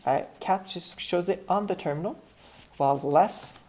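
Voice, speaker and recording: A woman with a French accent walks through a computer tutorial in a low, mellow voice. She thinks aloud as she goes, breaking off mid-phrase to restart or correct herself. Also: moderate pace. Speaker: tutorial instructor. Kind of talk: screen-share software tutorial.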